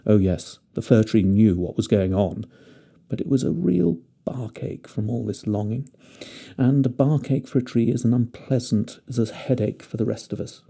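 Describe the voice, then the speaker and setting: Man reading a fairy tale in a dark, mellow voice. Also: medium pitch, moderate pace, creaky, husky. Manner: gentle, expressive storytelling. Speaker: narrator.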